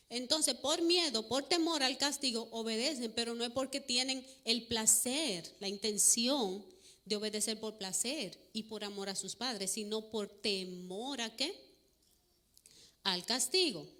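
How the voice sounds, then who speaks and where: A woman giving a church parenting talk to a live audience, preachy, asking questions and answering them herself, acting out quoted voices much higher. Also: measured pace, sharp tone. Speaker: parenting speaker.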